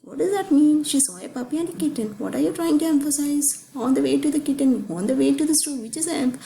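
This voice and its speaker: A woman's voice: sits high, fast, creaky, warm tone, a little hiss or hum, rough recording. A woman teaching a grammar lesson, explaining step by step and asking the class questions as she goes. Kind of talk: grammar lecture.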